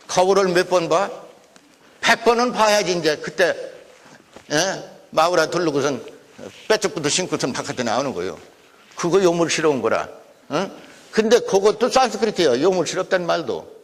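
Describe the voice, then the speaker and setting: A man with a high voice gives an invited lecture, driving his points home with emphatic rhetorical questions. The sound carries a long reverb from a lecture hall. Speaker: guest lecturer.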